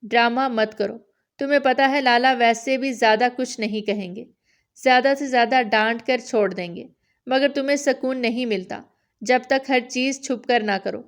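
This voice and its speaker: A woman's voice: a little high, lightly acted. A woman voicing a sensible, bookish young woman who chides dryly. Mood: annoyed.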